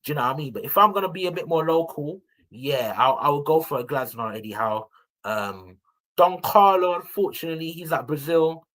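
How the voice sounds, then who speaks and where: A man's voice: a little high, a little fast, poor audio. A young man, a football podcast regular giving his opinions in casual, slangy banter. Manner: animated slangy banter, addressing listeners as people. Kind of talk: casual fan chat.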